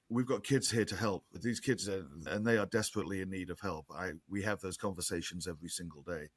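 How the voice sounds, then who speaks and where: A man's voice: on the low side, dry recording. A man with a slight lisp, a nonprofit guest on a podcast, explaining earnestly and restarting his sentences often. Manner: earnest, talkative, many restarts. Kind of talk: podcast interview, casual explaining.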